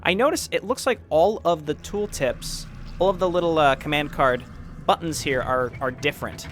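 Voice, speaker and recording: A man's voice: a little high, moderate pace, fairly bright tone, faint music behind. A man hosting a gaming video with casual commentary, thinking aloud as he plays. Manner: thinks aloud while playing.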